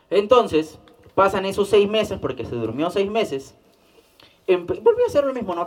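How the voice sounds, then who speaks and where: A young man from Peru with a Peruvian Spanish accent, telling his life story as an interview guest in an animated way that repeats phrases for emphasis. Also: fairly high pitch, recorded from a distance. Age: young adult. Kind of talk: personal life story told in conversation.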